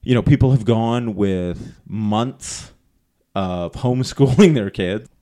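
Male podcast host, lowish voice, loose and chatty, quick to laugh. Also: dark tone. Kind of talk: casual podcast chat.

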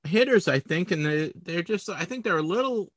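This podcast host, a man from the Boston area, talks sports collectibles in a loose, rambling way, joking at his own expense as his words trip him up. He has a high voice with animated intonation, a moderate pace, a fairly bright tone, and no audible room.

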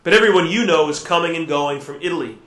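During Mass, a priest delivers the Gospel reading and homily in an echoey church. His male voice sits a little high. In the homily he sounds gentle and reflective, pausing with hesitant fillers.

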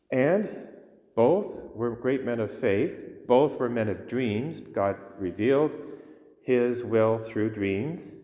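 A male priest reading the gospel and preaching a homily in a measured, deliberate way, his voice carrying a cathedral echo. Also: fairly low pitch, a little mellow. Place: large church. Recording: long reverb of a large church.

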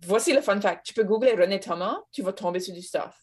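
Acadian woman telling lively stories. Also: mid-range voice, brisk. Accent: Acadian French. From Acadia, Nova Scotia. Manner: animated storytelling, mixing in English words. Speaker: podcast guest. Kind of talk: casual chat.

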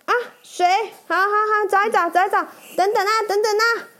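A woman's voice: very high-pitched, fairly even intonation, bright, forceful tone, pitched above the performer's own voice. A woman voicing a flustered male story shop owner who talks in a fussy rush. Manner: fussy, rushed.

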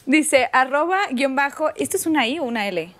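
A Mexican actress in casual chat, slangy and giggly, using many filler phrases. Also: female voice, high-pitched, expressive, normal speed, fairly bright tone. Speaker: actress guest.

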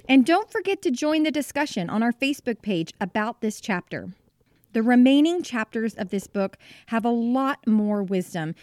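A woman's voice: fairly high pitch, no room sound. A woman hosting a faith podcast, speaking in an enthusiastic, encouraging way as she introduces and interviews a guest. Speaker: podcast host.

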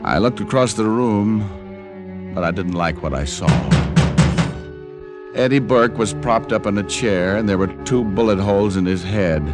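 A man's voice: lowish voice, normal speed, loud music behind the voice, close to an everyday voice. An actor playing a wry, tough male private detective in an old radio drama, with dry wisecracks and hard-boiled narration. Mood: brooding narration.

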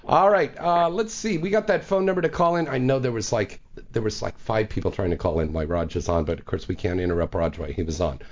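A man's voice: fairly low pitch, fast talker. A man hosting a casual adult talk-radio show, effusive and repeating himself. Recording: dull lo-fi audio with music behind.

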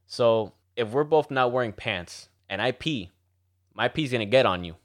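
A man with a Miami Cuban accent co-hosts a podcast, joking through a casual chat and switching between English and Spanish. His voice is medium-pitched and expressive, at a normal speed.

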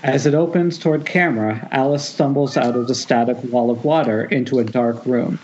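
On a dull, noisy Skype call with a remote group, a man with a medium-pitched, darkish voice reads the screenplay directions at a casual table read. He keeps a moderate pace but occasionally stumbles and restarts.

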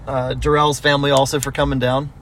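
An easygoing man co-hosting a soccer recap, stammering on repeated words, heard on low-quality audio recorded while driving in a car. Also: level tone, fast talker, a bit bright, slight background noise. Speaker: podcast co-host. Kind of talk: casual soccer recap chat. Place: moving car.

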